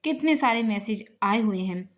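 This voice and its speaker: A woman's voice: medium pitch, lively intonation, normal speed, close to an everyday voice. A woman playing a jokey young brother. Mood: joking. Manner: jokey, amused. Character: joking young man, a cheeky younger brother.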